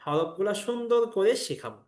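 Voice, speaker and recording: A man's voice: high-pitched, very animated, fairly quick, darkish tone. A man teaching in patient, step-by-step explanations, drilling letter sounds in a chanting rhythm. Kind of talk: instructional explanation of a reading course. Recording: echoey room sound.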